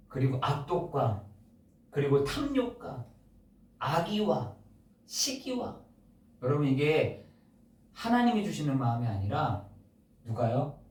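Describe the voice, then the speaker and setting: A man's voice: medium pitch, a little mellow. A male pastor preaching a sermon in a church, firing off rhetorical questions and stressing his points. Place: church sanctuary. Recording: echoey church, mic at a distance.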